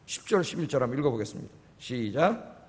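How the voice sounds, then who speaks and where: A man's voice: medium pitch, sing-song, fast. A male pastor preaching a Korean-language sermon, emphatic and dramatic, acting out quoted dialogue with rising intensity. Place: church sanctuary. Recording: long reverb of a church hall.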